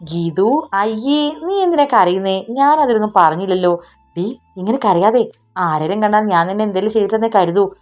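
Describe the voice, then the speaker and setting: A woman's voice: mid-range voice, animated, normal speed, a little mellow, faint music behind, natural voice. A woman narrator voicing a hot-tempered young man who scolds sharply, in an audiobook romance story. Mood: scolding.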